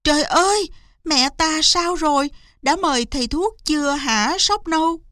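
A woman's voice: high voice, a little slow, fairly bright tone, no room sound, clean studio sound, voice pushed up. A woman voicing a devoted youngest daughter who speaks anxious and heartfelt in a storybook tale. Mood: alarmed.

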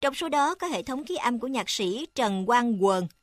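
A woman narrating a lesson, reading textbook passages in an even, measured way. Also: fairly high pitch, no room sound. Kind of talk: read-aloud textbook narration.

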